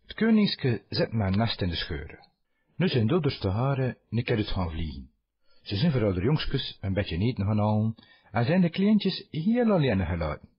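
Husky West Flemish man reading a fable. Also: fairly low pitch, sing-song, normal speed. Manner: reads line by line in dialect. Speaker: dialect reader. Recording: dull lo-fi recording.

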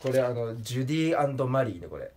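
A man casually presenting joke pictures, laughing at his own gags and jumping into a strained high voice for punchlines. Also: racing, background noise. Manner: laughs at his own jokes, lively pitch swings. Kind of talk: casual comedic talk with laughter.

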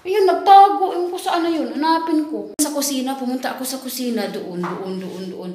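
A woman's voice: high-pitched, fairly quick, reverberant, a little hiss or hum. A woman vlogging at home, chatting to viewers in a teasing, laughing storytelling manner. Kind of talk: casual vlog talking to viewers. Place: home indoors.

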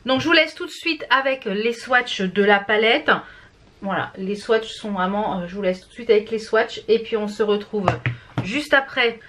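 A woman's voice: fairly high pitch, moderate pace, fairly bright tone. Chatty French beauty vlogger woman. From France. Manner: chatty, many fillers and restarts. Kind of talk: casual product review.

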